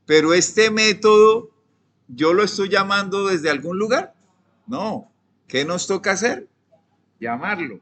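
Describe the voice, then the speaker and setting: Slow-speaking Colombian man teaching code. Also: sits high, expressive, slightly rough. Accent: Colombian Spanish. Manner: asks students questions and dictates code; often trails off softly. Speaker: programming teacher. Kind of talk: live coding lesson.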